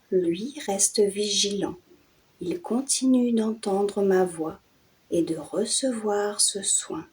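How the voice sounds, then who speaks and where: A meditation guide and channel host leads a yoga nidra and hypnosis session, speaking in a soothing, hushed mid-range voice. She uses short phrases that end breathily and leaves long pauses.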